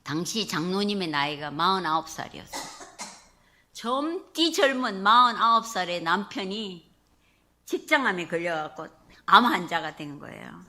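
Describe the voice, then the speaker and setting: A middle-aged woman giving a testimony sermon in church, telling her story with animated feeling. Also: on the low side, moderate pace. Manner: animated storytelling, acting out her own past words. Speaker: preacher. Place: church sanctuary.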